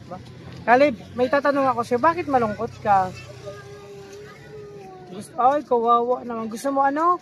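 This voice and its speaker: A man's voice: extremely high pitch, normal speed, pauses often, fairly bright tone, a little hiss or hum. A man vlogging outdoors by the seaside, teasing and coaxing a child with playful questions. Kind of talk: casual vlog narration.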